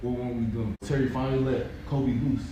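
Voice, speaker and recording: A man from Alabama talks casually in a team discussion, with a mid-pitched voice. He sounds far from the microphone in a heavily echoing room with clear background noise. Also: fairly even intonation, fairly quick, dark tone, highs cut off. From southern United States, Alabama. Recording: echoey room, distant and noisy.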